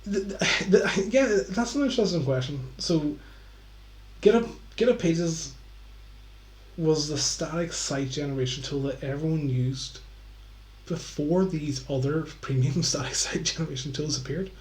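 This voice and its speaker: A drunk man with a fairly high-pitched voice hosts a casual live stream. He rambles, repeats himself and swears freely. The sound is roomy and echoey. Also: a little slow, darkish tone. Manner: sweary, stumbling over and repeating words.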